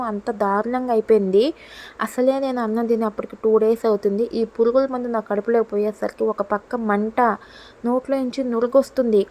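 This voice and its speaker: A woman narrating a story as a voiceover in a quick, colloquial way, leaning on the same filler phrases again and again. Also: on the high side, mellow. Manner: rapid, colloquial retelling with recurring filler phrases.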